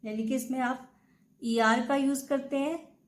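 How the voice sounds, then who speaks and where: A woman teaching grammar. She reads examples slowly, translates them, and answers her own rhetorical questions. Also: sits high, steady tone, low-quality recording. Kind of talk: bilingual classroom explanation.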